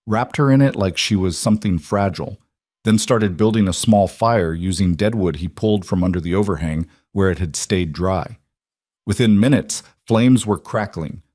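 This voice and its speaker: Male narrator, lowish voice, measured storybook reading, dry sound. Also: a little mellow, no echo.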